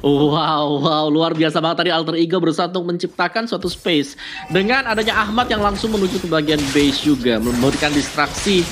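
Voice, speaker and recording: An Indonesian man analyses a live esports match as a caster. His voice sits fairly high, with music playing behind him. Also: brisk, a bit bright. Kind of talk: live game analysis commentary. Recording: music under the voice.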